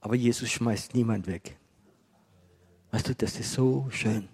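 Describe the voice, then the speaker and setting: A male preacher delivers a sermon in a mild, talkative manner. His voice has a slightly husky grain and sits at an ordinary pitch. He keeps drawing his listeners in with small questions. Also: unhurried. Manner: gentle, conversational preaching with rhetorical questions. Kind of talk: sermon to a congregation.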